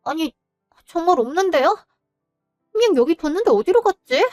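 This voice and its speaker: A spoiled young sister-in-law whines and sulks defensively, played by a woman. The voice is high and bright with a dry close sound, and music sits faintly under it. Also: expressive, moderate pace, no echo. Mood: evasive. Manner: whiny, sulky and defensive.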